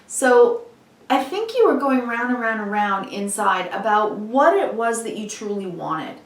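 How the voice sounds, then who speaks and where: A woman's voice: fairly high pitch, lively intonation, a little slow. A woman giving an unscripted mystical horoscope tarot reading, earnest and reassuring, speaking directly to the listener, with a slightly froggy throat. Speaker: tarot reader. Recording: roomy echo, distant microphone.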